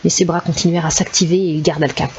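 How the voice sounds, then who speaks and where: A woman reading a storybook aloud in calm, measured scripted narration. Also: on the low side. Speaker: audiobook narrator. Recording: slightly dull with faint hiss.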